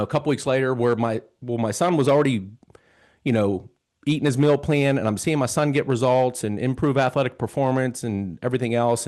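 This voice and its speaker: The host, a man in his fifties, shares a personal story casually and earnestly, recreating the dialogue as he goes. His voice is medium in pitch with a darkish tone.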